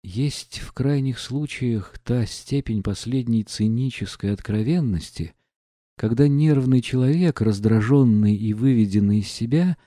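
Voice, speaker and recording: A man narrating a classic novel in a measured, expressive reading. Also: medium pitch, no room sound, studio quality. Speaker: audiobook narrator. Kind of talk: scripted literary narration.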